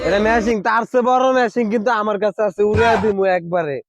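A man's voice: extremely high pitch, fairly even intonation, fast talker, music in the background. A man playing a swaggering, threatening village booze lover in a comedy sketch.

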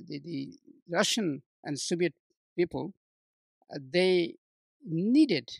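A man in his sixties from Bangladesh, talking as an interview guest, halting often with fillers and restarts. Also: a little high, vocal fry, no echo. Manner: hesitant, many restarts and fillers, warm laughs. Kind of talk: conversational interview.

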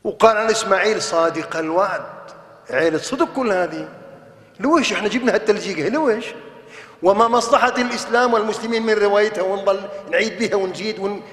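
A man's voice: sits high, quick pace, a bit bright. A man with a Levantine Arabic accent giving a televised religious lecture, emphatic and argumentative, firing off rhetorical questions. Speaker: religious scholar presenting a TV program. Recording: echoey hall with long reverb.

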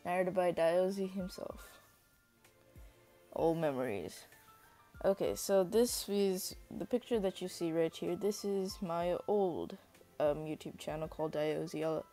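A man hosting a casual vlog, talking in a flat, monotone way with lots of rambling fillers. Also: high voice. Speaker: YouTuber. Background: faint background music.

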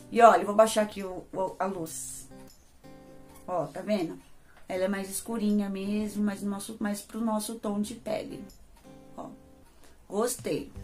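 A Brazilian woman talks her viewers through a makeup product in a loose, chatty way, a bit higher in pitch than most women. Faint music plays behind her voice. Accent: Brazilian Portuguese. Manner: chatty, addresses viewers as gente. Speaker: beauty vlogger. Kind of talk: casual product review.

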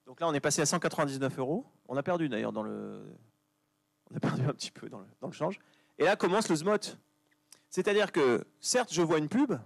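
A man's voice: fairly high pitch, no echo. Chatty man giving a conference talk. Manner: chatty, joking asides to the audience. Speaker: conference speaker. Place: conference venue.

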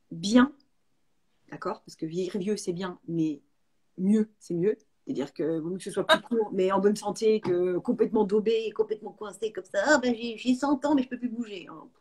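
Husky-voiced woman, lively and frank. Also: fairly high pitch. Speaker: fitness coach guest. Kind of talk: casual webinar chat. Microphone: video call.

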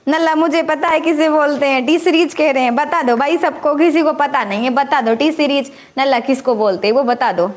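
A woman's voice: high-pitched, fairly quick, few pauses. A middle-aged housewife hosting a casual live stream, chatting and teasing back as she reads viewer comments.

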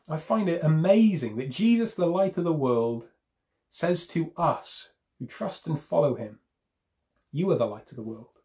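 A man's voice: on the high side, dark tone. A man preaching a sermon in an emphatic, conversational way, repeating key phrases and adding light self-deprecating humour.

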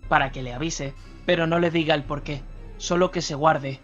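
Calm, remorseful ex-convict, read by a male narrator; measured and earnest, muffled radio audio. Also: fairly high pitch, close to an everyday voice. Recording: slightly dull radio recording, faint music.

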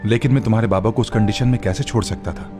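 A man's voice: on the low side, fast talker, lightly acted. An actor playing a dejected, dutiful man in his thirties in a dubbed TV drama, sober and resigned. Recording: music under the voice.

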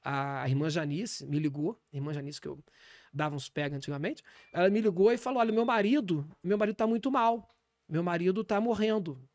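A man doing a brash, fast-talking Brazilian apostle. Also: high voice, no echo. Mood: deadpan. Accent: Brazilian Portuguese. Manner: deadpan, rambling, fast, with preachy asides. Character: brash, shameless male pastor calling himself apostle. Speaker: comedian in character as a self-styled apostle. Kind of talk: deadpan comic character monologue on a podcast.

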